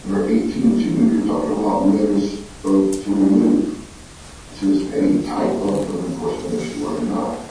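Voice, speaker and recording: A man calling into a meeting over a garbled remote connection full of reverb, explaining procedure in a measured way. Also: sits low, little pitch movement, warm tone, a little hiss or hum. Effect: garbled remote audio with heavy reverb. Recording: garbled echoey remote call from far off.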